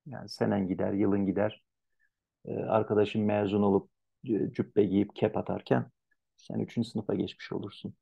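A man teaching an Arabic translation class online, animated and lively, acting out students' complaints in a raised voice. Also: on the low side, normal speed, gravelly, slightly rough, muffled recording. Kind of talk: online lecture.

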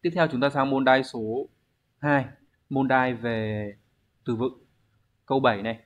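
A man's voice: medium pitch, fairly even intonation, unhurried. A man, teaching a language exam review lesson, explaining step by step and answering his own questions.

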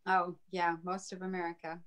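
A woman's voice: on the low side, completely flat delivery, normal speed, a bit bright. A woman co-presenting in casual chat over a video call, mostly chiming in with short agreements and questions.

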